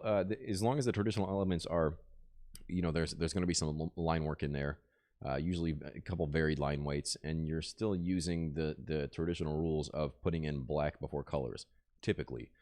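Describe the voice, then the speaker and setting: A man's voice: extremely low pitch, darkish tone. A man, a tattoo artist, chatting casually on a live stream as he works, explaining technique in a laid-back way into a desk microphone. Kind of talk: casual live-stream chat while working.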